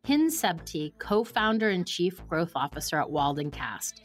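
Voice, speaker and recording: A woman host reading a scripted introduction in a measured way. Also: on the low side, very animated. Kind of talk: scripted narration. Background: faint music.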